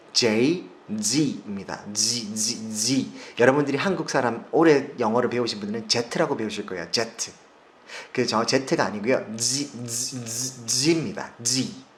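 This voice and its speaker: A man's voice: medium pitch, fairly bright tone. A man from South Korea, in his forties, teaching English pronunciation in a video lesson, repeating sounds for drills with emphasis.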